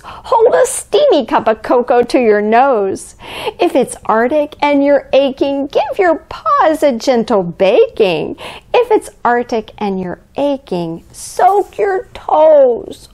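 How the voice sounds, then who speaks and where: A woman's voice: sits high, big pitch swings, takes it slowly, a little mellow, full character voice. A woman playing a cheerful, grandmotherly Mrs. Claus, reading a picture book aloud to young children in an exaggerated, sing-song way. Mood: playful, soothing. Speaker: children's storyteller. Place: living room by a fireplace, indoors.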